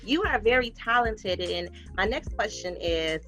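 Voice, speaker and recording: Woman, interview host, bright edgy tone, encouraging, repeats phrases. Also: medium pitch, lively intonation, unhurried, faint music behind, low-quality recording. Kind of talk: casual interview talk.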